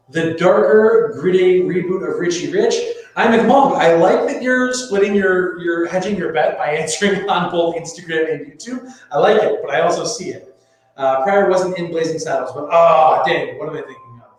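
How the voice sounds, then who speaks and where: A man hosting a live-streamed trivia game show, playful and showy, chatting casually with viewers in a very echoey space. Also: on the high side. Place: echoey room. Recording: very echoey reverberant space, music behind. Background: music.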